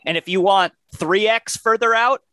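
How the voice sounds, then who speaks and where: Man, co-host, bright ringing voice, dry close mic, steady explainer. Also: sits high, clean tone, no room sound. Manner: explains step by step, measured. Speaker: podcast co-host. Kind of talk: casual finance podcast chat.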